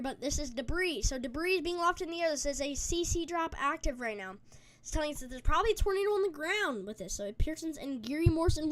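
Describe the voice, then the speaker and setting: On her livestream tracking storms, a woman with a high, slightly bright voice eats as she reads viewers' chat messages aloud, breaking in with urgent warnings about the weather.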